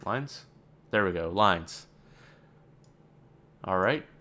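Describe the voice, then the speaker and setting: A man with a fairly low voice gives relaxed let's-play commentary while he works through a game. He thinks aloud in a loose, rambling way and drops in dry, sarcastic asides. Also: very slow.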